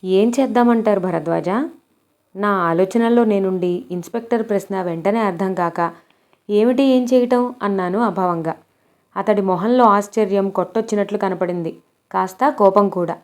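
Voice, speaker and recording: A woman narrating a novel aloud in a steady, measured storytelling manner. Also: mid-range voice. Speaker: audiobook narrator.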